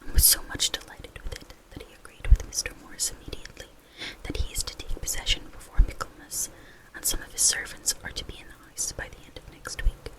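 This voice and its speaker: A whispering reader narrating a classic novel in a breathy, unvoiced ASMR whisper. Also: a little fast, few pauses, fairly bright tone, low-quality recording.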